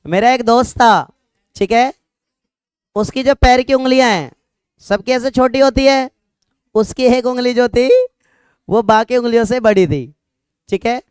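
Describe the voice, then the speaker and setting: Smooth-voiced young male teacher. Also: very high voice, a little slow, long pauses, no echo. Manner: conversational, repeats "ठीक है" often, jokes with students. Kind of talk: classroom lecture. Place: classroom with students.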